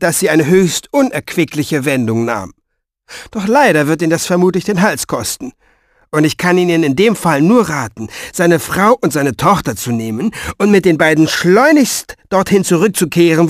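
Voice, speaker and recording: A man's voice: sits high, no echo, clean studio sound, pitched above the performer's own voice. A man voicing an irritable old male writer who answers with curt, exasperated outbursts in an audiobook.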